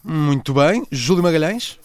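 A man's voice: a little high, animated, a little slow. A man with a European Portuguese accent presenting a contest show as its host.

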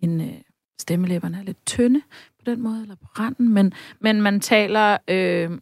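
A woman's voice: medium pitch, dry recording. Vocal coach lady, chatty, lots of uhs, belts out little examples, dry close mic. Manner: lively, demonstrative, often sings out examples; frequent hesitation fillers. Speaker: vocal coach and session singer. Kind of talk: casual interview.

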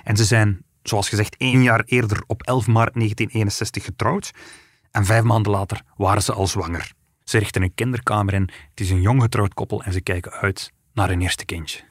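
A man's voice: on the low side, fairly even intonation, brisk, breathy edge, no room sound, studio quality. A man, a journalist, co-hosting a podcast and explaining a past case in an storytelling way. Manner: explanatory storytelling, some restarts. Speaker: journalist co-host. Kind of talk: podcast conversation.

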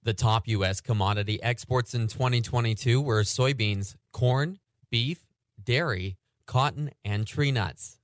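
Agricultural news and market prices are read by a male radio farm report anchor with a steady, newsreader-like delivery. He speaks a little slowly in a mid-range voice, and the recording is dry and studio quality.

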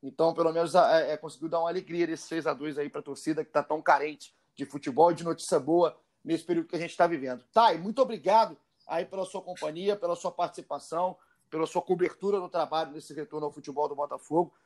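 A man's voice: fairly high pitch, steady tone, quick pace, a little mellow. A man with a Brazilian accent hosting a casual football show in a chatty, informal, emphatic way. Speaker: sports podcast host.

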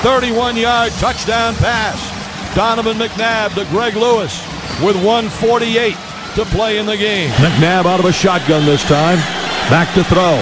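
A man calling American football play-by-play, with clipped, excited touchdown calls in short bursts. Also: high-pitched, unhurried, music in the background. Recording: very noisy game broadcast, stadium roar. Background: loud stadium noise.

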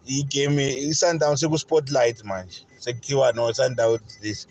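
A man's voice: mid-range voice, fairly even intonation, normal speed, a little mellow, a little hiss or hum. A South African man calling a sports show, giving his opinion casually.

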